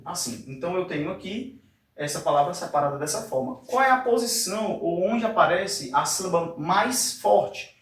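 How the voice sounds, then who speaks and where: A male teacher with a slightly high voice explains a grammar lesson at the board, checking in constantly with quick tag questions. He stretches words out syllable by syllable. The recording is roomy, and he sits a little distant from the mic. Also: expressive. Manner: frequent tag questions like "tá?" and "fechado?"; drawn-out syllable-by-syllable pronunciation. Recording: echoey room, voice a bit distant from the mic.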